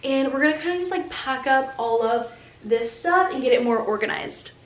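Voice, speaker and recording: A woman's voice: high-pitched, animated, normal speed. A young woman vlogging in a casual, chatty way, peppering her talk with "like", recorded at home. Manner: chatty, fills speech with "like". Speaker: lifestyle vlogger. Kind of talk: casual chat to camera. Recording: echoey room.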